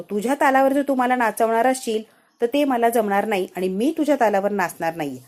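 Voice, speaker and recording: A woman's voice: on the high side, darkish tone, natural voice. A woman voicing a stern young husband who lectures his wife firmly and repeats himself insistently.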